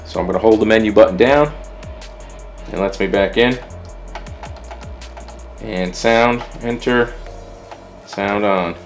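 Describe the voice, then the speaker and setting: Gravelly-voiced man chatting over gear. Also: on the low side, slow, pauses often, faint music behind. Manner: loose and chatty, thinking aloud while setting up gear. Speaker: DJ reviewing lighting gear. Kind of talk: casual product review vlog. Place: indoor room with DJ gear.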